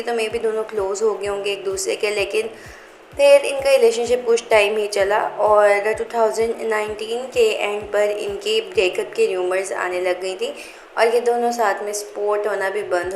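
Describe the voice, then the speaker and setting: A woman's voice: medium pitch, slight background noise. Chatty woman narrating gossip in an echoey room. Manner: chatty, reads viewer comments aloud, mixes English into Hindi. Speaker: celebrity gossip channel host.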